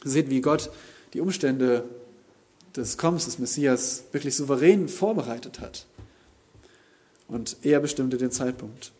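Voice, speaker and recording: Husky-voiced man preaching a sermon. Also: medium pitch, a little mellow. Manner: deliberate, emphatic Bible teaching with pauses. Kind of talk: expository sermon.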